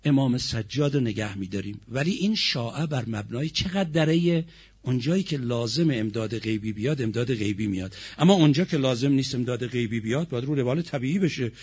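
A man preaching a sermon, posing rhetorical questions and swinging between soft and emphatic delivery. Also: medium pitch, lively intonation, slightly rough.

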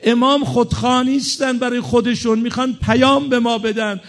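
Preacher guy, really high voice, tells the story dramatic, does all the people in it. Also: steady tone. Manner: dramatic storyteller, voicing the people in his tale; slips into chanted lament. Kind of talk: religious storytelling sermon.

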